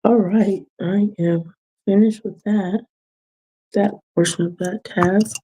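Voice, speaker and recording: A woman chatting casually on a livestream while doing a craft, giving gentle, reflective advice and chuckling often. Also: medium pitch, fairly even intonation, slow, husky. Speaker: vlogger giving life advice.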